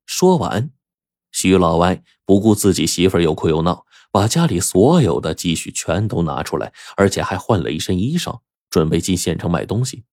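A man narrating a first-person story for an audiobook in a colloquial, animated way. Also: low voice, normal speed, dry recording, studio quality.

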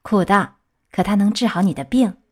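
Woman voicing a gentle, motherly fairy. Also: mid-range voice, moderate pace, slightly rough, close to an everyday voice. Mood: gentle coaxing. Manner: gentle, coaxing.

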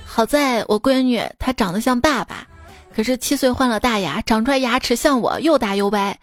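A woman's voice: a little high, normal speed, faint music behind. A woman hosting a podcast, reading listener jokes aloud in a chatty, teasing way. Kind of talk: casual comedic reading.

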